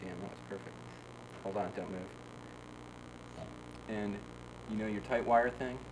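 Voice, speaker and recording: A man's voice: fairly low pitch, fairly even intonation, measured pace. A man on a film crew giving casual on-set instructions. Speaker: film crew member directing the shots. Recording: very noisy on-location recording.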